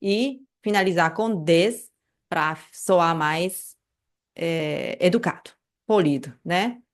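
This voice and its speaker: A woman with a Brazilian Portuguese accent teaching an online language lesson, patiently repeating phrases slowly and checking in with the listener. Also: fairly low pitch.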